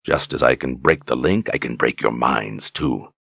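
A man voicing a deep grating tyrant. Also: vocal fry, a bit bright, breathy edge, dry recording, exaggerated voice. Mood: mocking menace. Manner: mocking, taunting, slow and deliberate. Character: menacing brutish male tyrant, a dream walker.

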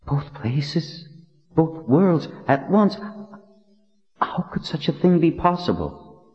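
A man's voice: a little high, sing-song, slow, big-room sound, muffled recording, faint music behind, voice pushed up. A man voicing an earnest young woman who presses with urgent, incredulous questions. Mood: astonished.

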